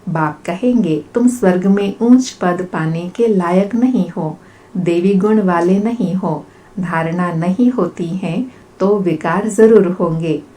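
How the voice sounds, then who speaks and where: Brief: woman as spiritual reader, unhurried steady recitation, mellow tone. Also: fairly low pitch. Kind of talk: reading a religious discourse aloud.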